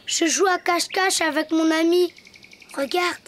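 A woman's voice: steady tone, unhurried. Trotro, a chirpy little boy donkey. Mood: playful. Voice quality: high childlike voice, chirpy. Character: playful little boy donkey, cheerful and full of ideas. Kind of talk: children's cartoon dub. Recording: music behind the voice.

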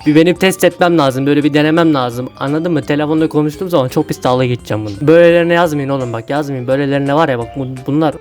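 A man's voice: fairly high pitch, very fast, few pauses, darkish tone, soft background music. A man who is a YouTuber, giving crude, mocking commentary as he reads chat messages aloud. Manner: crude, mocking, swears a lot.

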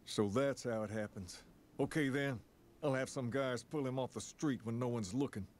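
A man playing a cool, self-assured gang boss in a video game, speaking in a measured, authoritative way. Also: mid-range voice, close to an everyday voice. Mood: cool, serious. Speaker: gang leader giving quests. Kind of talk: video game character dialogue.

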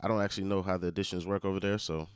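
Young male reaction host, very low dry voice, blunt slangy asides. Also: level tone, rapid-fire, clean tone, no echo. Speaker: reaction streamer. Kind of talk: casual reaction commentary. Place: small room with red lighting. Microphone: handheld mic held close.

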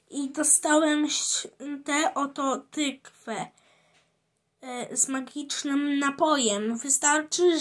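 A proud, lovestruck male cook from a children's tale, as a woman reader voices him. The voice sits high and moves at an unhurried pace, with small slips and hesitations along the way. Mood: boastful. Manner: reads the lines with slips and fillers. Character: boastful male cook in love.

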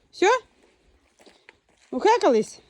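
A woman from Ukraine, a dog breeder, chatting casually outdoors in a village yard and shouting her dogs' names between laughs. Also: high-pitched, husky. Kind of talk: casual vlog commentary.

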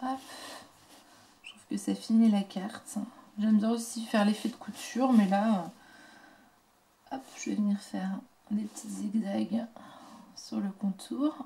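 A woman hosting a casual craft tutorial, talking through each step in a chatty, soft-spoken way and murmuring quietly as she works. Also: medium pitch, steady tone, a little slow, gravelly, pauses often.

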